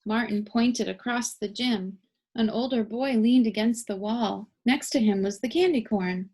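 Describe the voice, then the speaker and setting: A woman reading a storybook to children in a deliberate, expressive storytelling manner. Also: on the high side, breathy edge. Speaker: read-aloud storyteller. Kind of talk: children's storybook read-aloud.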